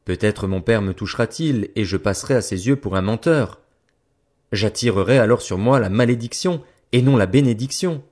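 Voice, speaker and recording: A man's voice: on the low side, normal speed, darkish tone, breathy edge. A man reading as an anxious younger son.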